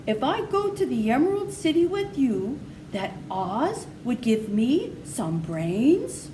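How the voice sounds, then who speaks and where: Woman as the high-voiced, friendly Scarecrow from a storybook. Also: big pitch swings, takes it slowly, noisy background, full character voice. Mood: wistful, confiding. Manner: courteous, exclaiming, confiding. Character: friendly brainless stuffed scarecrow, male, politely earnest.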